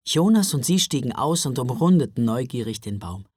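A man narrates a children's Christmas tale with very animated, sweeping intonation. His delivery is expressive and storybook-like, recorded dry and close. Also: medium pitch, fairly quick, husky, no echo. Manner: expressive, wide-ranging delivery.

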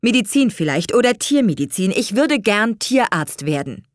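A woman's voice: medium pitch, very animated, moderate pace, no room sound, studio quality, pitched above the performer's own voice, close to an everyday voice. Woman voicing a defiant young man. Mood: firm defiant. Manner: firm, indignant. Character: young man defying his parents, firm. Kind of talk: audiobook reading.

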